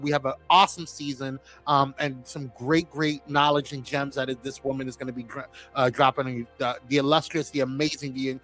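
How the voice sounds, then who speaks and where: A man with a high, ringing voice hosts a live-stream show. He greets his viewers by name and banters playfully, and faint music plays behind him. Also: fairly bright tone. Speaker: host.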